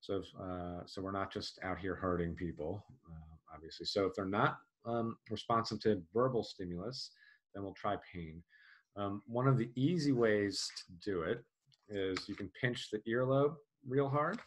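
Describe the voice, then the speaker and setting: A man's voice: on the low side, normal speed. A man teaching an EMT course in a casual lecture style, with frequent "um" and "uh" fillers. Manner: casual, many fillers, plain explanatory. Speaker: EMT instructor. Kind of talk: recorded classroom lecture.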